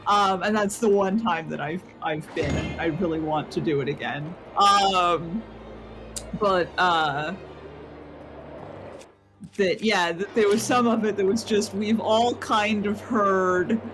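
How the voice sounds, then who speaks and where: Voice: mid-range voice, slow, poor audio. A co-host on a gaming stream chatting casually and telling a rambling story. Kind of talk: casual chat. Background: game music.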